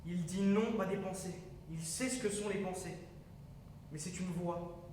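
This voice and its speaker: An actor playing an insistent young go-between in a live stage play, repeating demands in a plain, firm way. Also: male voice, sits high, fairly even intonation, measured pace. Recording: echoey hall from far off, faint hiss.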